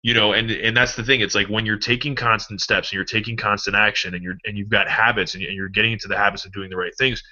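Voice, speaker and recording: Male vlogger, low and bright-toned, rambling animated pep talk on a dull lo-fi recording. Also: fast talker, few pauses. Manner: rambling, animated, swears freely. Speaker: motivational vlogger. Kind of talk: casual motivational pep talk.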